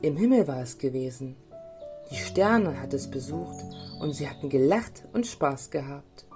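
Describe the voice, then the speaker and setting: A woman storyteller reading a children's tale aloud with a low, gentle voice. She stays expressive and warm in tone for young listeners and speaks to them directly with questions. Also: a little slow, over music.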